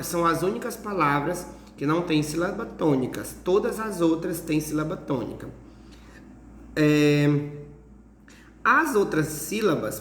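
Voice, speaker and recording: A man's voice: on the high side, a bit bright, a little hiss or hum. A male Brazilian Portuguese teacher giving an informal lesson, patiently explaining and repeating himself with many fillers. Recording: echoey room with long reverb.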